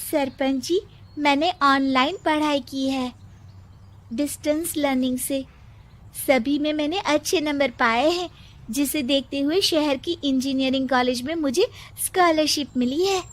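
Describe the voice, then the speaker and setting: A woman's voice: high-pitched, measured pace, low-quality recording. A woman voicing an earnest, hopeful young student girl from a village, explaining herself in a story.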